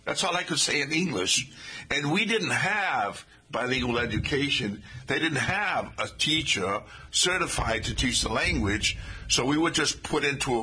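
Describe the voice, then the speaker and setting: An older man hosting a casual interview, asking questions in a warm, encouraging way and praising the answers. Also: mid-range voice, slight background noise. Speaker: talk show host.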